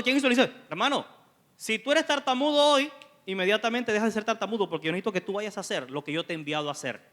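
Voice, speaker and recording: A man preaching a sermon as associate pastor, animated and acting out the scripture dialogue. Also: sits high. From Colombia.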